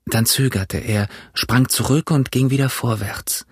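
A man narrating an adventure story in a slow, measured audiobook reading. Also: mid-range voice, fairly even intonation, husky, no room sound, studio quality.

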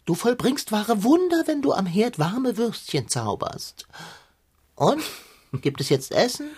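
Plump hungry sidekick, pompous, old-fashioned phrasing, breathy, very sing-song, radio play. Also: female voice, mid-range voice, big pitch swings, measured pace, darkish tone. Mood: whiny, grandiose. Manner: grandiloquent, old-fashioned phrasing, self-pitying. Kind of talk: German children's radio play.

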